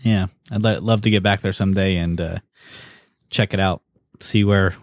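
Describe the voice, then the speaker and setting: A man's voice: low voice, steady tone, moderate pace, dry recording. Easygoing male podcast host, dry sound. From United States. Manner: easygoing, leads the conversation. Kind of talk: casual podcast chat.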